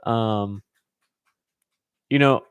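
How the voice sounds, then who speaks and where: This Californian host handles viewer questions in a relaxed, informal Q&A, wandering in his thoughts as he speaks. His lowish voice moves extremely slowly with a clean tone and no echo, though the recording sounds muffled.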